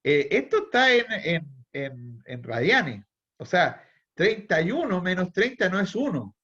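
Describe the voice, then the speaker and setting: A man with a Chilean accent lecturing on calculus in an online class. His voice sits a little high, and he restarts phrases as he works through examples and quizzes the students. The audio is dull and lo-fi. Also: sing-song, measured pace, pushed and bright. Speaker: university math lecturer.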